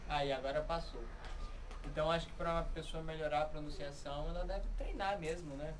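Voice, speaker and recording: Guy hosting a live stream, reads viewer comments, a bit high, noisy audio. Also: steady tone, fairly quick, distant mic. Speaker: livestream host. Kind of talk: casual livestream chat.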